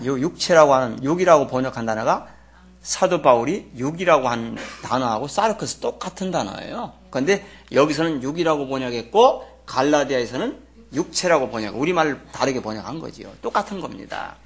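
A man's voice: mid-range voice, lively intonation, a little fast. A man preaching a sermon, leading the congregation in reading along, asking rhetorical questions and pressing hard on key words. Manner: emphatic, rising to loud stress; has the congregation read along. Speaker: pastor.

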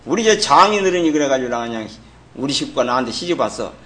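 A middle-aged male pastor delivering a sermon in a blunt, everyday way of talking. He teases and scolds his listeners with plain, earthy remarks, in a mid-pitched man's voice. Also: lively intonation, fast, fairly bright tone. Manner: blunt, colloquial, teasing and scolding the congregation.

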